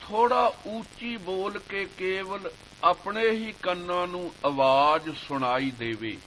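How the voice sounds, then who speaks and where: A man preaches slowly and deliberately, his higher voice bright and clear. He recites scripture verses in a measured, chanting cadence. A faint hum sits under the recording. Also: low-quality recording. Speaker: Sikh preacher. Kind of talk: slow devotional sermon with scripture recitation.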